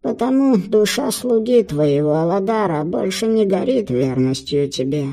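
A man voicing a sly, squeaky, creaking creature messenger in an audiobook, speaking in a slow drawn-out wheedling way. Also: lively intonation, dark tone. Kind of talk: audiobook character voice.

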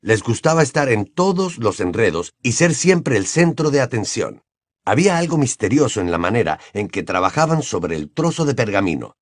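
A man narrating an audiobook in an expressive, varied storytelling manner. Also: medium pitch, no room sound, studio quality. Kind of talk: audiobook reading.

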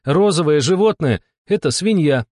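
A man's voice: sits high, very animated, fast, breathy edge, no echo, studio quality, pitched above the performer's own voice, full character voice. A man voicing a brusque, impatient young woman who barks her guesses. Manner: barking, impatient.

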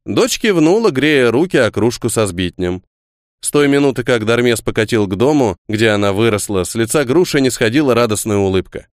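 A man narrating an audiobook in a steady storytelling manner. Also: medium pitch, fairly quick, no echo. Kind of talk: scripted narration.

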